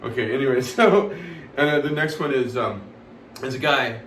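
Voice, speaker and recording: A man's voice: mid-range voice, a bit bright, far from the mic. Rambling man telling jokes in a roomy space. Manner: rambling, halting delivery with many fillers and laughs at own jokes. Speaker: comedy host telling jokes. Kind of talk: casual joke telling. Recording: roomy sound from away from the mic, faint background noise.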